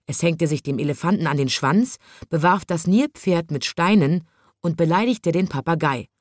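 A woman narrating a children's storybook in an even, measured reading voice. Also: low voice, no room sound, studio quality.

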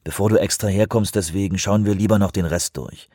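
A man reading an audiobook voices a calm, busy male director in a matter-of-fact tone. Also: sits low, fairly quick, no echo, studio quality.

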